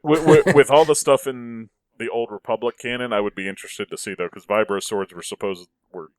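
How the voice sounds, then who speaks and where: A man's voice: medium pitch, a little fast, no room sound. A man hosting a casual podcast chat, earnest and building his arguments with frequent restarts. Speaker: podcast host.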